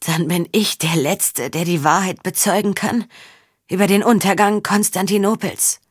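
A woman's voice: fairly low pitch, fairly even intonation, moderate pace, slightly rough, no echo. A woman voicing a frail, weeping old count with a broken, trembling voice, in a dry recording. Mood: resigned.

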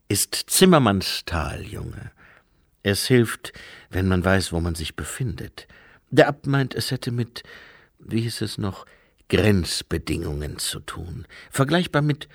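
A man reading aloud and voicing a shrewd, calm old monk in a low, quiet, measured voice. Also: slightly rough, dry recording, studio quality, heavily acted.

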